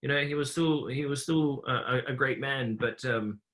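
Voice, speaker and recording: A young man from New Zealand, a podcast guest telling his life story in a relaxed, rambling way with many fillers. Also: medium pitch, moderate pace. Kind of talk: casual conversational interview.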